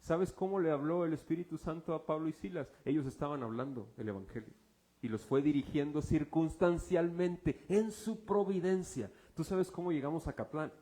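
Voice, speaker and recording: A man preaching a sermon in church, swinging from loud exclamations to hushed low passages. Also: moderate pace. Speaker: pastor.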